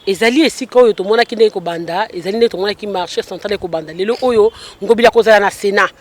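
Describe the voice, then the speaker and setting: A woman reporting live outdoors from a public event, narrating in a lively, praising way. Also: mid-range voice, fast talker. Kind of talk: on-the-spot news report.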